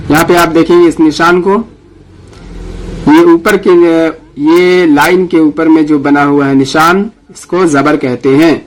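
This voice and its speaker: A man teaching Quran reading in a Pakistani Urdu accent, explaining briskly and then drilling each letter sound slowly and deliberately. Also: fairly high pitch, poor audio. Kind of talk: Urdu lesson on Arabic letters.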